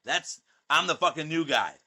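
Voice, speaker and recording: A man's voice: a little high, expressive, normal speed, sharp tone, breathy edge. A man in his thirties talking in a casual podcast chat, brash, profane and boastful. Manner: brash, profane and boastful, with mocking put-on voices. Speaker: guest, pro wrestler.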